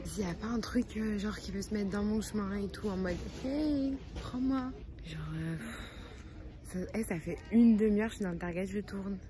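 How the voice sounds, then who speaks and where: A woman's voice: mid-range voice, fairly even intonation, a little fast, noisy background. A woman in her twenties chatting casually in a vlog, slangy and rambling. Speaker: vlogger.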